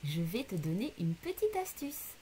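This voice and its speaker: A woman's voice: medium pitch, big pitch swings, normal speed, warm tone, slight background noise. A woman teacher giving a recorded lesson to young children, patiently breaking words into syllables and speaking to the child directly. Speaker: primary school teacher.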